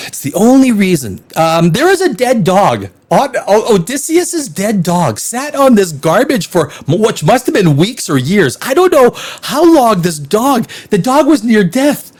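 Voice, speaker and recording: Lively, sarcastic male movie critic. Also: high-pitched, a little slow. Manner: blunt, sarcastic, laughs often. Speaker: film critic host. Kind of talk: ranting movie review.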